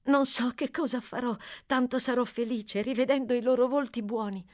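Lady doing a sweet little orphan boy, eager and polite, voice pushed up high. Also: normal speed, a little mellow, faint music behind, close to an everyday voice.

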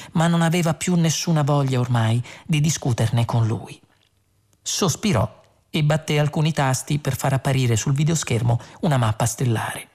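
A man narrating a comic science fiction audiobook in an even, dry storytelling manner. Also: medium pitch, vocal fry. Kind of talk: audiobook reading.

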